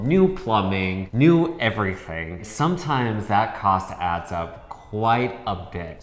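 Deep-voiced chatty man, echoey room. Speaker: co-host of a home renovation channel. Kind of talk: casual explainer. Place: large empty room in a house under renovation.

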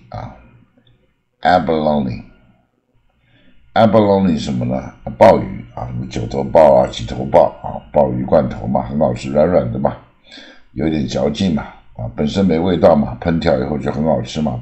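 Very deep-voiced man teaching. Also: mellow, dull audio. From Taiwan. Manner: frequent "啊" fillers, slow drawn-out demonstrations. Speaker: English teacher. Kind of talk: explanatory lesson, Mandarin mixed with English examples.

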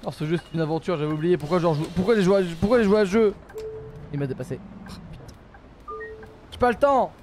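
High-pitched guy streaming a bus game, cursing and ranting, goes from mumbling to yelling. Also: fast talker, soft background music. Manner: exasperated, swears a lot, laughs at himself; animated, jumps from mutters to outbursts. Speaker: streamer playing a bus simulator. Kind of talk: live gameplay commentary.

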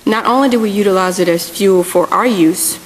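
A woman in her thirties speaks on a policy panel, talking into a table microphone in a large hearing room. She is earnest and corrects herself as she goes, with a medium-pitched voice and a slightly fast pace. The recording has a long hall reverb and faint hiss.

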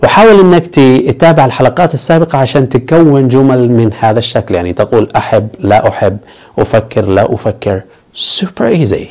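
A man's voice: medium pitch, fast, a little mellow. Upbeat man teaching English. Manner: explains step by step, switching between Arabic and English; upbeat, repeats a catchphrase. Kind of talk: online language lesson.

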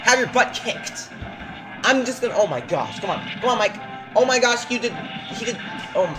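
A gameplay commentator excitedly cheering on a computer-controlled fighter, with frequent hyped outbursts. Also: mid-range voice, moderate pace. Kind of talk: excited let's-play commentary. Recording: game music loud behind voice. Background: game music.

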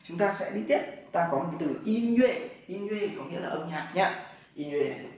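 A man, his voice a little high, teaches a class and keeps checking that his students follow. He sounds far from the mic, in a very echoey room with faint noise behind him. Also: animated, a little fast, darkish tone. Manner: explains step by step, often asks "right?" to check. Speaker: Chinese language teacher. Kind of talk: classroom lesson.

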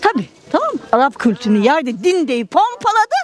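A woman's voice: high voice, very animated, a little fast. A woman in her late sixties with toothless, mushy articulation, chatting casually in a street interview. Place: busy outdoor street market. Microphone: handheld reporter microphone held close.

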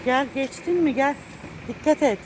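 A woman with a somewhat high voice coaxes and gently scolds her cat as she walks outdoors. It is filmed on a handheld phone in the street, with loud traffic and outdoor noise behind her. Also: moderate pace. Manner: coaxing, scolding a pet fondly. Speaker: cat owner filming her found cat. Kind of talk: casual walking vlog. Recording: noisy outdoor street recording.

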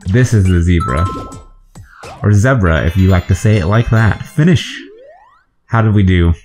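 Deep-voiced guy doing let's play commentary, chatty, guessing out loud, faint game music behind. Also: big pitch swings, moderate pace. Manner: chatty, guessing aloud and talking to himself. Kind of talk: gameplay commentary.

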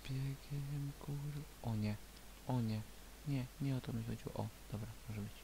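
A man's voice: mid-range voice, fairly even intonation, a little slow, creaky. A man chatting casually with plenty of swearing as he plays a video game. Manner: crude, swearing. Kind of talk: casual gaming chat. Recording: hissy, noisy voice chat.

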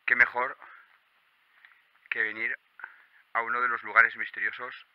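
A man with an accent from Spain narrating a night exploration vlog in a hushed, halting way as he walks. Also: medium pitch, little pitch movement, highs cut off, slight background noise. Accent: Spanish, from Spain. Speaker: urban exploration vlogger. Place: on foot at night among abandoned rural buildings and woods.

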